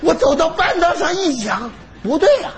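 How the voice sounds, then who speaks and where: A doting old grandfather in a comedy stage sketch. His very high voice swings about as he eagerly spins his stories. The recording is clearly noisy. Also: moderate pace, exaggerated voice. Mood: excited storytelling. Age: older. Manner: animated, chuckling storyteller. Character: elderly doting grandfather who loves retelling stories.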